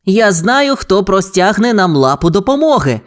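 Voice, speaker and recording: A woman's voice: medium pitch, sing-song, normal speed, pitched above the performer's own voice, lightly acted. A woman voicing a brave young boy who leads a team of rescue pups, giving upbeat, commanding calls. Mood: eager. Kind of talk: children's audio fairy tale.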